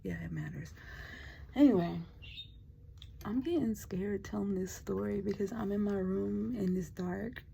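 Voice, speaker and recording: Woman, host, casual ghost-story telling, chatty with hushed spooky moments, gravelly voice, faint background hiss. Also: medium pitch, sing-song, unhurried, long pauses. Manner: chatty, drops to a hush for spooky parts. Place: her dark bedroom at night.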